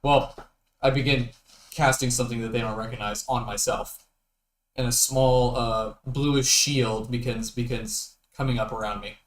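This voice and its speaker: A man's voice: medium pitch, fairly even intonation, normal speed. A man at a tabletop game narrating his character's actions in the first person. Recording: echoey room with faint hiss.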